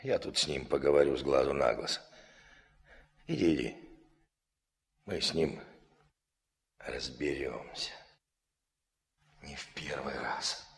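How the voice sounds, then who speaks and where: An actor playing a calm, gruff middle-aged camp PE instructor in a radio drama, commanding and drily joking. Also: male voice, a bass voice, moderate pace, pauses often, full character voice. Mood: steady, commanding. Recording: long reverb on the voice.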